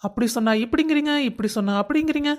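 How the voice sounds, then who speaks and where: A woman voicing a young, busy husband who coaxes and gently scolds his wife. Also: high-pitched, very fast, lightly acted. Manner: coaxing, affectionate scolding.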